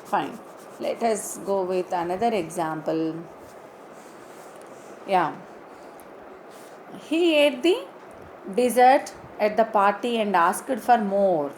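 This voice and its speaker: Slow-talking woman teacher going over spelling, repeats every word, faint hiss behind. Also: medium pitch, lively intonation, poor audio. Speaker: English teacher. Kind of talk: online spelling lesson.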